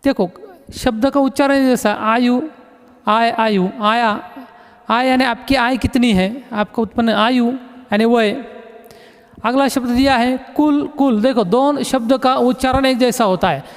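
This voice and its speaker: A very high male voice, clean in tone and at normal speed, leads a recorded class lesson. The teacher patiently repeats words as he explains them, keeps saying "look," and the room has an echoey reverb.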